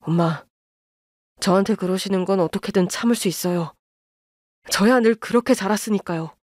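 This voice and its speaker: Woman doing a lower-voiced husband guy, hurt and angry at his mom, dry close sound, storybook drama. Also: normal speed, a little mellow, no room sound, close to an everyday voice. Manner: confronting, wounded pleading. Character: older male husband, younger son, hurt and angry.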